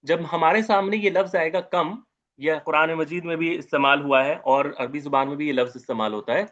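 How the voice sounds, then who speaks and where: A man's voice: on the high side, a little fast, fairly bright tone, dull audio. A man teaching an Arabic grammar lecture, repeating terms and asking his students questions as he goes.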